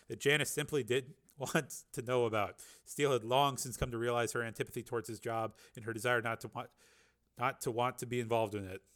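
A man narrating a novel as an audiobook, steady storytelling with occasional small slips. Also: mid-range voice.

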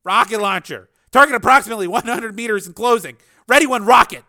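A man's voice: very high-pitched, fairly quick, pushed and bright, voice pushed up, full character voice. A man voicing a desperate, urgent army sergeant on the run in an audiobook story. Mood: commanding, shouting. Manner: urgent, strained, commanding. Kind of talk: acted dialogue in audiobook narration.

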